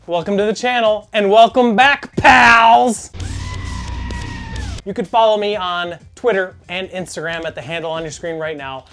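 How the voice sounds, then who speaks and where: A man's voice: high-pitched, a bit bright, clean tone. A man hosting a casual sneaker unboxing vlog from home, with goofy, self-mocking asides. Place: home in Chicago.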